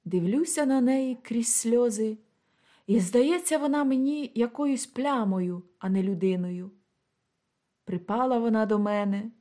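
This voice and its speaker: Slow, impassioned woman storyteller. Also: fairly high pitch. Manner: impassioned, expressive. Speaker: audiobook reader. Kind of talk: dramatic literary reading.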